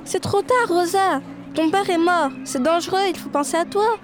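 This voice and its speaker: A woman voicing a gentle, worried friend who comforts a grieving girl. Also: high-pitched, steady tone, measured pace, over music. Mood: caring.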